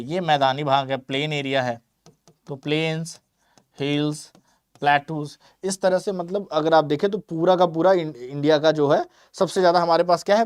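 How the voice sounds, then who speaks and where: A man's voice: a little high, no room sound, studio quality. A man teaching an exam-prep geography lesson, who keeps asking questions and then answering them himself, with English terms mixed into his Hindi. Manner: repeats points with quiz-style questions.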